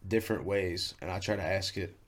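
A man's voice: sits low, a little fast. A man hosting a casual interview, speaking in loose slang with offhand swearing. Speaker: interviewer, host. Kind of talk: casual chat.

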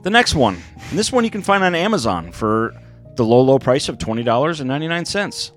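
A man with an average-pitched voice banters as a podcast co-host. He is irreverent and very animated, swinging up and down in pitch, with music faintly behind him. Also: fairly quick. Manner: irreverent, sweary. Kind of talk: casual banter.

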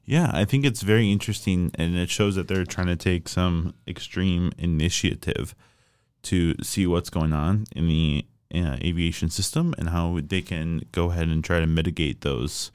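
A man's voice: low-pitched, normal speed, a little mellow, smooth, dry recording, studio quality. A young man hosting an aviation podcast, chatting casually and explaining flying terms plainly. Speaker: podcast host.

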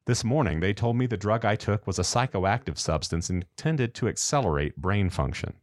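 An American man hosting a casual podcast, reading a horror story aloud with a lively, animated delivery. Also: lowish voice, moderate pace, no room sound, clean studio sound.

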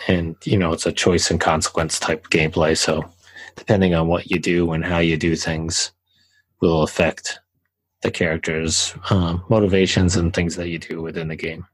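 Deep-voiced man casually reviewing a game. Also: normal speed, husky, no echo, poor audio. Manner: relaxed, rambling with fillers and restarts. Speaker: podcast co-host.

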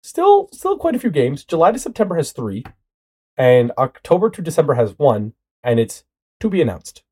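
With a stuffy nose from a cold, a young man hosts a casual podcast conversation with friends, animated, rambling and joking. His voice is a little high and slightly rough, at normal speed.

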